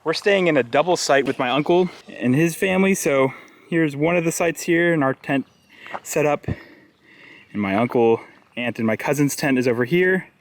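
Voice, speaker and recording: A young adult American man hosts a casual vlog outdoors. His voice sits a little high for a man, and he explains things in a chatty, easygoing style. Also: moderate pace. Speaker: vlog host. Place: outdoors on park trails and at a campground.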